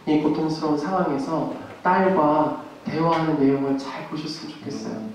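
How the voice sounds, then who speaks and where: A man in a priest's role speaks earnestly to a roomful of parents, asking them questions and then answering them himself. His voice sits a little high for a man. It sounds distant and echoes strongly around a large parish hall. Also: a little hiss or hum.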